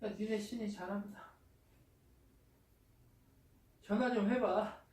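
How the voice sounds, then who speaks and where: A man's voice: sits high, fairly even intonation, moderate pace, darkish tone, pitched above the performer's own voice, close to an everyday voice. A man voicing the biblical prophet Elijah, a bold, outspoken grown man, in a casual everyday way of talking. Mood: mocking. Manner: talking to others directly and colloquially, addressing God in prayer. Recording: echoey church hall, distant mic.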